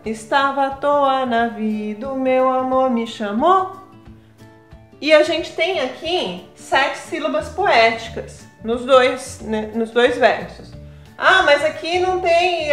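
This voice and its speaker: High-voiced woman teaching poetry rhythm. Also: fairly bright tone, echoey room. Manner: explains patiently, pointing at verses on screen; enthusiastic about the verses. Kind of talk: casual video lesson.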